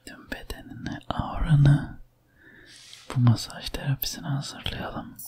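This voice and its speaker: A woman whispering softly in a soothing ASMR whispered role-play as a massage and sleep therapist. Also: very deep voice, steady tone. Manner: whispering, soft ASMR delivery; slow, soothing, hushed.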